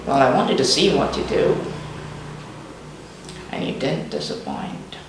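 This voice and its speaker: A man's voice: mid-range voice, wildly swooping pitch. A man acting as a taunting, theatrical, deranged clown criminal in a crime drama, drawing out words erratically. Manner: drawn-out, taunting, erratic, breathy drops to near-whisper. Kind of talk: dramatic villain monologue in interrogation. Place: small dim bare room, seated. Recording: very echoey, distant, noisy fake old tape.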